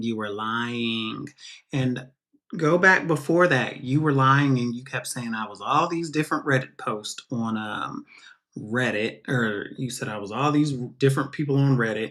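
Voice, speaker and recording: A man's voice: medium pitch, measured pace, sharp tone. A man commenting over clips of someone talking about him, answering with defensive, sarcastic retorts. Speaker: streamer reacting to clips.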